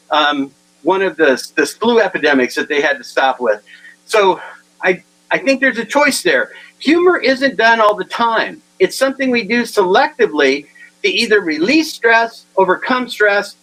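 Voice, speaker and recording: High-voiced man telling comic stories. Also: low-quality recording. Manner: animated, acts out quotes, chuckles at his own stories. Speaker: humor speaker. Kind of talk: comic keynote storytelling.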